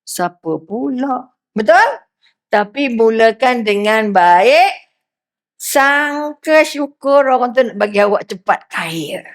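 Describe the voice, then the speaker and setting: A middle-aged woman with a Malaysian accent delivers a religious lecture, her voice sitting a little high. She keeps it lively, turning to her listeners with questions and slipping into quoted voices. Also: slow. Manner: lively, asks the crowd questions, acts out quotes. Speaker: preacher.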